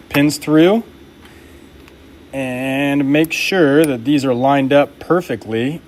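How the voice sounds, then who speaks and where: A young man making knives and chatting casually with his live-stream viewers while he works, upbeat and laid-back. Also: mid-range voice. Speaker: knife maker live-streaming his work.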